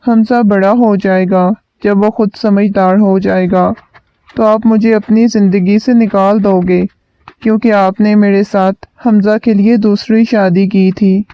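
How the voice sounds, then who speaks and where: A man reading the lines of a shy, feverish young wife in a soft, pleading tone, on a dull lo-fi recording. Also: high-pitched, flat delivery, clear, resonant tone, no room sound.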